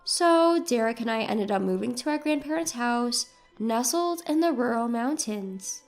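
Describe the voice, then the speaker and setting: A woman in her twenties narrating a story in the first person with a steady, even delivery. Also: on the high side, unhurried, soft background music. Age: 20s.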